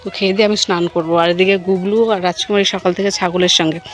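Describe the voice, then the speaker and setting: A woman's voice: lowish voice, fairly even intonation, very fast, soft background music. A woman chatting casually to the camera in a home vlog, talking to her child and a goat as she goes. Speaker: vlogger.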